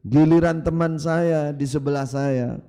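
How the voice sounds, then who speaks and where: A man's voice: fairly high pitch, steady tone, unhurried, dark tone, clear, resonant tone. Male preacher, emphatic. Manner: emphatic, storytelling with rising and falling delivery. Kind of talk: sermon.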